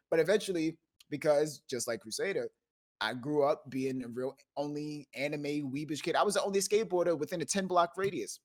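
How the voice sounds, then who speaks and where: A man from the Bronx telling stories in a casual live-stream group chat, acting out the quotes and laughing often over a voice call. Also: high voice. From the Bronx, New York. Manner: animated storyteller who laughs often and acts out quotes. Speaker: streamer and discussion host.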